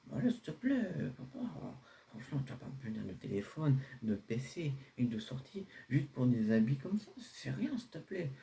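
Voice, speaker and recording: Brief: laid-back teen son, hesitant, pleading , played by a man with a mellow voice. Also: mid-range voice, sing-song, normal speed, vocal fry, a little hiss or hum. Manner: casual, pleading, hesitant with fillers. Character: carefree teenage son defending his outfit. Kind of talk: homemade comedy sketch.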